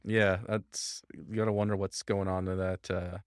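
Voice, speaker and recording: A man with a fairly low voice chats casually as a podcast co-host. He sounds relaxed and talkative, with loose fillers. His voice is close and dry, with no room sound. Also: normal speed, dry recording. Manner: relaxed, chatty, with fillers and quoting lines. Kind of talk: casual chat about comics.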